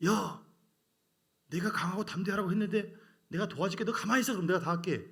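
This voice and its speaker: A pastor putting on God scolding a doubter. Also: male voice, sits high, fast, vocal fry, fairly bright tone, voice pushed up. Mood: chiding. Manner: blunt, chiding. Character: God scolding a doubting believer, blunt and fatherly.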